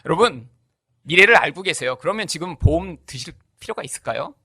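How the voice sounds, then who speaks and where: A man delivers a sermon in a high, bright voice that rises and falls a great deal. He keeps throwing rhetorical questions at the congregation. He acts out the voices of the people in his stories. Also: lively intonation, fairly quick, slightly rough, no echo. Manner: tells stories with acted-out voices. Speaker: pastor.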